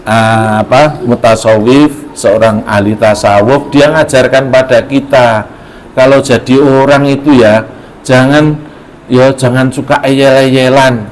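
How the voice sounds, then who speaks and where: A man, a religious teacher, telling a moral story in a lively, animated way. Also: mid-range voice, slow, poor audio.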